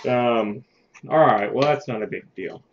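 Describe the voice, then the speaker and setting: A man leading an informal online team meeting, talking in a halting, casual way. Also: mid-range voice. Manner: informal, halting, tallies votes aloud. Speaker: meeting leader. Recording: muffled call audio with faint noise.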